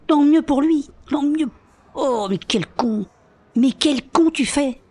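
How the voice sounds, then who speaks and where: A man voicing a scornful inner voice in an audio drama, scolding without pause. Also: extremely high pitch, darkish tone, pitched above the performer's own voice. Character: nagging inner voice, scornful and shrill.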